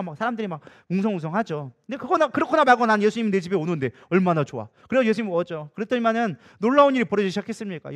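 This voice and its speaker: Man, pastor, sermon, conversational and lively, higher voice, fast delivery. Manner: lively, conversational preaching, acting out quoted voices. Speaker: co-senior pastor.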